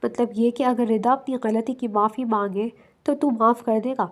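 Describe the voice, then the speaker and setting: A woman's voice: on the high side, steady tone, close to an everyday voice. A woman reading the lines of a brusque, commanding young man in an audiobook novel.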